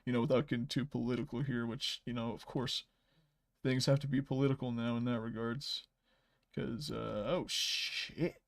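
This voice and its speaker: A man hosting a casual livestream, rambling while he edits and often trailing off into soft mutters. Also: mid-range voice, fairly even intonation, moderate pace, vocal fry. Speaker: livestream host.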